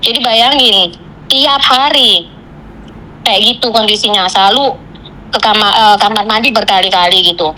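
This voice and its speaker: A woman on a phone call, venting about her job in rushed, broken sentences. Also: mid-range voice, sharp tone, a little hiss or hum. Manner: venting, tells a story in rushed fragments with Javanese fillers. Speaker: caller, migrant domestic worker. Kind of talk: casual chat.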